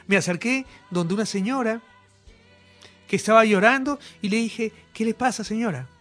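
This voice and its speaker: A man's voice: high-pitched, moderate pace, a bit bright, faint music behind. A man preaching a healing sermon, speaking straight to viewers and giving fervent, commanding proclamations. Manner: direct address to viewers. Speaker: healing evangelist.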